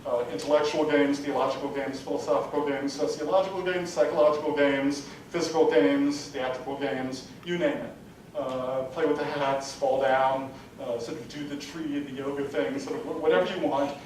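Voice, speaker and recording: A man's voice: steady tone, moderate pace, a little mellow. A man giving an adult-education lecture, rambling and full of "sort of, you know" fillers. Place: lecture hall. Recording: distant mic in a very echoey room with faint rumble.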